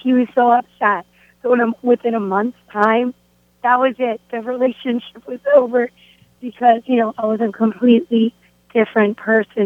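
A woman's voice: on the high side, dry recording. Woman telling her story over a phone line. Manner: animated storytelling, acts out quoted speech. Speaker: guest sharing testimony. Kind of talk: personal faith testimony. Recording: tinny phone line, dry.

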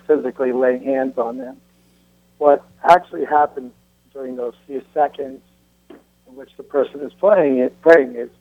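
A man's voice: medium pitch, no echo. A man who runs healing ministries, carefully explaining a spiritual practice with a few fillers. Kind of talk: explanatory talk. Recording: tinny phone line, dry.

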